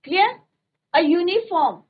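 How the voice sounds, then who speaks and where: A woman's voice: very high voice, expressive, a little slow. A woman teaching a classroom grammar lesson, mixing Hindi and English and often asking the class to confirm they follow. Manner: asks frequent checking questions. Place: classroom studio. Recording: phone-like narrow band.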